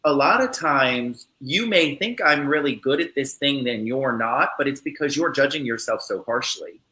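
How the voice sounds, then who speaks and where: A man's voice: mid-range voice, lively intonation, moderate pace, pushed and bright. Thoughtful male host in a roomy space. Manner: thoughtful, emphatic preacherly points. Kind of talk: casual panel chat. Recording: roomy echo.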